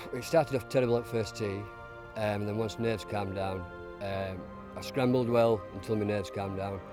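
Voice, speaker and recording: Deep-voiced man. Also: steady tone, normal speed, music in the background. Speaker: amateur golfer being interviewed. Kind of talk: casual post-round interview.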